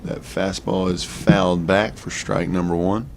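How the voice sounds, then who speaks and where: Brief: young male play-by-play caller, deep low voice, laid-back chatty asides, faint hiss behind. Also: measured pace, vocal fry. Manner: relaxed, chatty, offhand asides between pitches. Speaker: play-by-play announcer. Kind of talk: sports commentary.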